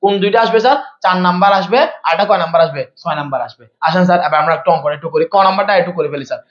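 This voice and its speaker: The audio is lo-fi, carrying a man's high, slightly bright voice as he teaches accounting live online. He talks rapid-fire, quizzes his students, and keeps repeating himself.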